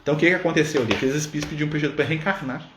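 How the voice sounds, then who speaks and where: Racing along in a voice on the high side, a man hosts a live-streamed Spiritist study in a casual, conversational way, full of "né?" and "tá?" asides. The recording sounds roomy, with faint noise in the background.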